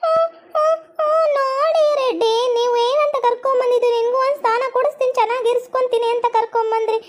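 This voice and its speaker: A woman's voice: very high-pitched, fairly even intonation, fast talker, voice pushed up. A woman voicing a whiny, melodramatic young bride. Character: young new bride Sweety, whiny and dramatic.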